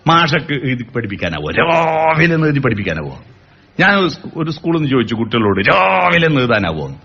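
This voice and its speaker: Male motivational speaker, lively delivery with sung snippets, muffled recording. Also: mid-range voice, quick pace, slight background noise. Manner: animated, sings song lines and acts out calls to make points. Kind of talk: public speech on family and education. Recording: dull lo-fi recording.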